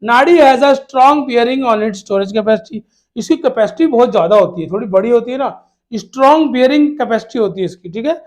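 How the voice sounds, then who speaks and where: A man's voice: very high voice, lively intonation, normal speed, a little mellow. A male teacher giving an exam-prep lesson to children, addressing them fatherly as "beta" and asking questions he answers himself, repeating key words. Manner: calls students "beta" in a fatherly way.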